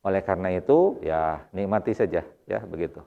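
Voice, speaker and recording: A man's voice: low-pitched, animated, fairly quick, creaky. A man with a Sundanese accent teaching an Arabic grammar lesson at a mosque study circle, explaining patiently and repeating Arabic words with stress. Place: mosque hall. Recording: dull lo-fi recording with hall reverb.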